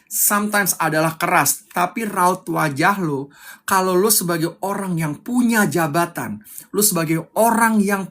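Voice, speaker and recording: A man's voice: sits high, fairly bright tone. A young man coaching public speaking on a live stream, fiery and emphatic, repeating his key points.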